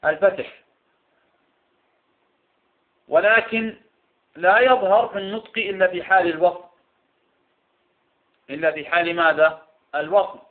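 A man's voice: sits high, a little slow, pauses often. A man teaching Quran recitation rules, who keeps asking questions and answering them himself. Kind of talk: classroom lesson. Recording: tinny phone-like sound.

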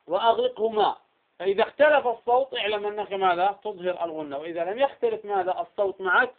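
Male recitation teacher with a high voice, drilling students with his own questions and answers, over a thin phone-like line. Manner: keeps asking quiz questions and answering them himself. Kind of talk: tajweed lesson.

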